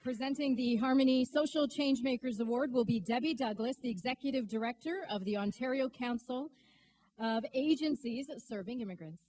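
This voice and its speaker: A woman emcee with a high, light voice introduces award winners at a ceremony. She talks in a playful way and coaxes the audience to cheer louder. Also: a little fast. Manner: playful, coaxing the crowd. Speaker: awards host.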